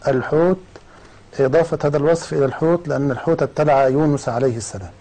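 A man acting as the guest scholar, answering questions in a measured way and citing scripture and scholars. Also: a little high, mellow, poor audio. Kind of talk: scholarly explanation.

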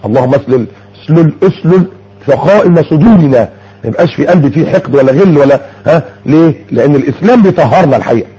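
A man's voice: a little high, lively intonation, fast, warm tone, slightly rough, highs cut off. A man with an Egyptian accent preaching a sermon, moving between formal recitation and chatty storytelling. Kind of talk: sermon with colloquial asides.

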